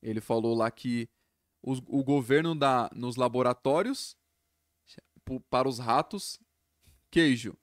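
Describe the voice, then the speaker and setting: A man teaching English pronunciation, explaining each sound step by step and repeating words slowly. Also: medium pitch, no echo, studio quality. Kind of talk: pronunciation lesson.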